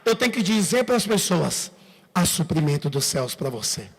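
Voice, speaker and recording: A man's voice: a little high, sing-song, brisk, slight background noise. A male pastor delivering a sermon, emphatic and speaking directly to his congregation. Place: church sanctuary. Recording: long church-hall reverb.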